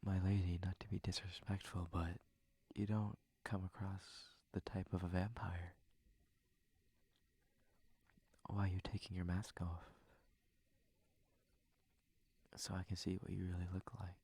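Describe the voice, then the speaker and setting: In an intimate ASMR roleplay addressed to the listener, a man plays a courteous, shy, flustered young prince at a masquerade, whispering in a low, breathy voice. His tone is level and brisk, gentle and polite but hesitant and surprised, with formal phrasing. The recording is dry.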